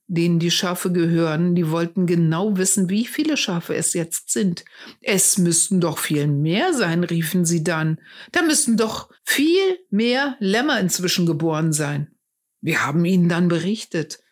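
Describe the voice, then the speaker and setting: Grumbling, wronged shepherds, as a woman reads them in a storybook tale, telling their story of unfair treatment in an indignant voice. Her tone stays husky and fairly low. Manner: indignant, complaining. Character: aggrieved shepherds back from the village.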